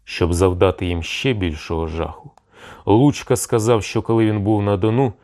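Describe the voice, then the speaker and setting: Deep-voiced male audiobook narrator. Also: normal speed. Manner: steady storytelling. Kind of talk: scripted narration.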